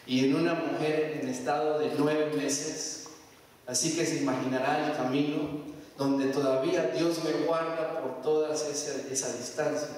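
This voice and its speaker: A man's voice: a little high, a little mellow, slight background noise. A man in his thirties, born in Mexico to Salvadoran parents, preaching a sermon and getting the congregation to repeat after him. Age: 30s. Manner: testimony with call-and-response to the congregation. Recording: echoey hall, picked up from far off.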